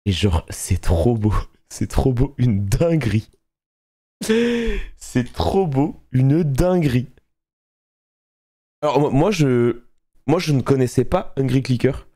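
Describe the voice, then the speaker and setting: A man is live-streaming and chatting with his viewers in a casual, excitable way, laughing a lot and swearing offhandedly. His voice sits in the mid-range and moves a little slowly.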